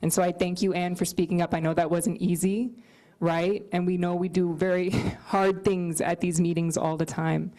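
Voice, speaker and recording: A woman chairing a community board meeting, measured and reflective, dropping in "right?" asides. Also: fairly low pitch, level tone, dark tone.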